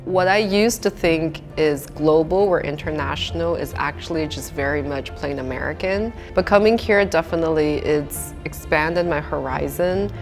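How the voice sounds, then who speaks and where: A woman's voice: low voice, normal speed, hardly any pauses. A middle-aged woman, a university staff member, talking casually in an interview. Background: music.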